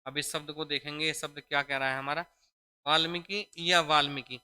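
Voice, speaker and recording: Bright, crisp-voiced male teacher. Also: on the high side, little pitch movement, fast. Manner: explains step by step, repeats each word, often checks with "theek hai"; addresses students fondly as children. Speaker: exam-prep teacher. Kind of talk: classroom spelling lesson.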